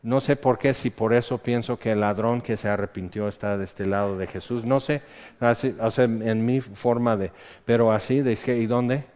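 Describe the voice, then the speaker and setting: A man's voice: mid-range voice, fairly even intonation, normal speed, darkish tone. A male pastor gives a sermon in a conversational tone and keeps asking his congregation questions. His voice sits in a mid range and carries a long reverb from the hall. The recording sounds a little muffled. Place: church hall.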